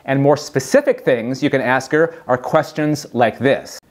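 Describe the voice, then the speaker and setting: A man's voice: medium pitch, measured pace. A man hosting a casual tech demo, amused as he asks a voice assistant questions. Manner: lively, amused, asking the device questions. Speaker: host demonstrating a voice assistant.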